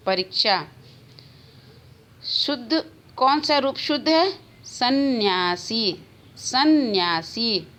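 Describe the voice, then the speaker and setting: A woman teacher giving a recorded grammar lesson to schoolchildren, slowly repeating the key answers. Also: high-pitched, sharp tone.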